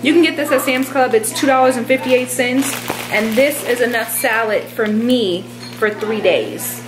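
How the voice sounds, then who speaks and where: A vlogger in her twenties, with a slightly high voice at a moderate pace, walks viewers through each cooking step in her home kitchen. She's recorded close up on a handheld camera, with music playing underneath.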